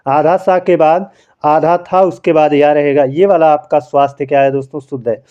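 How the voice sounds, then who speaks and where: Patient Hindi grammar teacher, dull lo-fi sound. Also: male voice, a little high, fairly even intonation, normal speed, clean tone. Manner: explains patiently, keeps calling listeners friends; asks questions and answers them himself. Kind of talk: spelling quiz lesson.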